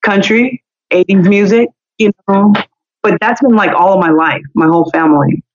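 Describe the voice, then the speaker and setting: In a loose podcast conversation, a forty-something female singer meanders through her answers, saying "you know" often. She speaks at medium pitch and a moderate speed, with slightly dull lo-fi audio.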